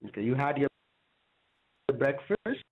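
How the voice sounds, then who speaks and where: A man calling on a phone line that keeps cutting out, polite and halting in his phrasing. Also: mid-range voice, big pitch swings. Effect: choppy phone line cutting out. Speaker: phone scammer caller. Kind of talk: phone call. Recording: tinny, choppy phone line.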